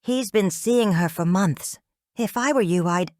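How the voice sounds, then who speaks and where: A woman voicing a large, angry, bearded man who shouts threats at his ex-wife's boss in an audiobook. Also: medium pitch, measured pace, dry recording, clean studio sound, pitched above the performer's own voice, lightly acted. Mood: menacing. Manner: shouting, menacing. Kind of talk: audiobook character voice.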